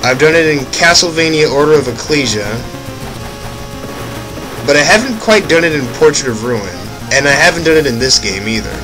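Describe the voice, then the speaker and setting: A young man, a let's play commentator, rambles casually about his own gameplay, correcting himself mid-sentence and tossing in offhand asides. His voice is on the high side with lively intonation and a moderate pace. The recording is rough, with game music playing loudly behind him.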